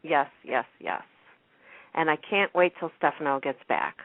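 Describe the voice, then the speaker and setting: This female radio host has a deep, gravelly voice and keeps a measured pace as she gushes casually about soap operas, frequently repeating words. The audio is a narrow, phone-like radio line without any room sound.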